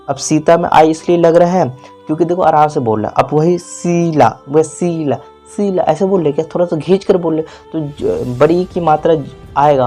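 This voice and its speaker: A man's voice: on the high side, warm tone. A man giving a spelling lesson, repeating words and quizzing the viewer, stretching out vowels. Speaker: teacher. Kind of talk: classroom-style spelling lesson.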